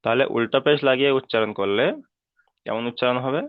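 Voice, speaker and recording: A man with a medium-pitched, clear, resonant voice speaks fast over dry, phone-like online call audio with no room sound. He is teaching Quran letter pronunciation in an online class, patiently drilling each letter and frequently checking that students are following.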